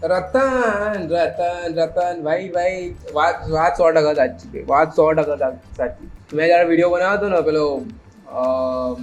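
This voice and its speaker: A man hosting a meme reaction video, ranting sarcastically and mocking clips, mixing English phrases into his talk. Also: fairly high pitch. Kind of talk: casual reaction commentary.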